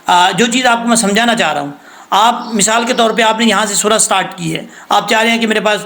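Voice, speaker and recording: Man, tajweed teacher, high voice, patient explanations. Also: pushed and bright. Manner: patient explanatory teacher, slows to recite verses. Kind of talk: recorded recitation lesson.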